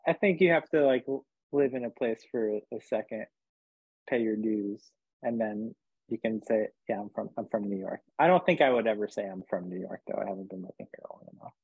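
A man's voice: fairly low pitch, a little fast, husky, dry recording, phone-quality sound. A man from New Jersey, a musician guest, chatting casually in a rambling, joking way with lots of fillers. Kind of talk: casual interview chat.

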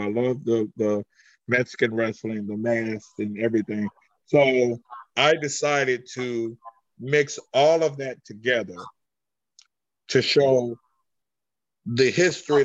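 A man who wrestles in a mask, answering interview questions with frequent halting restarts while searching for words. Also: mid-range voice, no echo, dull audio. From Greece. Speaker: masked wrestler.

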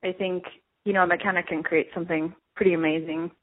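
A Turkish woman, an artist appearing as a guest, gives casual, reflective interview answers with frequent fillers and soft laughs. Her husky voice is on the low side, flat and quick, and the sound is narrow and phone-like.

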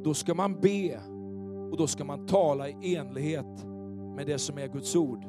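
Male pastor, high voice, lively preaching in church, faint keyboard underneath. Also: over music. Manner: animated, questioning the congregation. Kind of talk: sermon. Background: soft keyboard pads.

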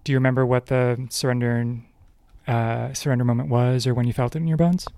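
A man's voice: medium pitch, steady tone, mellow, no room sound. Hesitant man asking a question. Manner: hesitant, halting question with fillers. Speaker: audience member asking a question.

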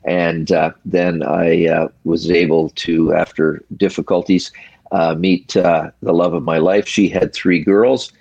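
An older man with a low, gravelly voice tells stories as a guest in a relaxed interview. He talks in a measured, reflective way, in short phrases with pauses, and the sound is close and dry. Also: dry recording, lo-fi sound. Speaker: retired hockey referee, guest. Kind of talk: storytelling in a casual interview.

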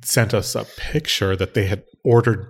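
Brief: man in his forties, podcast co-host, lowish voice, teasing dry humor, relaxed storytelling. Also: moderate pace, breathy edge. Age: 40s. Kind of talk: casual chat.

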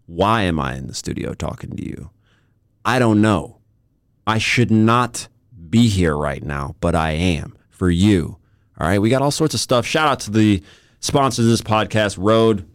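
A man's voice: lowish voice, a little slow, clear, resonant tone, no room sound. A young man hosting a solo podcast from a studio, rambling and joking at himself in an irreverent way. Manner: rambling, irreverent, self-mocking. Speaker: podcast host. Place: recording studio. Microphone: studio microphone.

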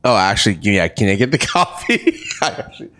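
Tired male podcast guest, low voice, loose rambling chatter with easy laughs. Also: sing-song, brisk, sharp tone. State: tired from little sleep. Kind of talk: casual live podcast chat.

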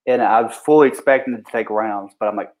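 A man's voice: fairly low pitch, fast, a little mellow, low-quality recording. A man who is a police officer, telling a story in a casual, blunt way full of swearing and restarted sentences. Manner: acts out what people said in raised voices. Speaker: police officer recounting a shooting.

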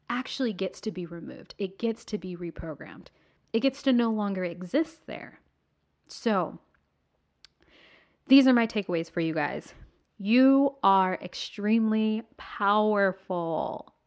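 A woman hosting a motivational faith podcast, speaking directly and casually to her listeners and repeating key words for emphasis. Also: medium pitch. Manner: casual, encouraging address to the audience. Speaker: podcast host.

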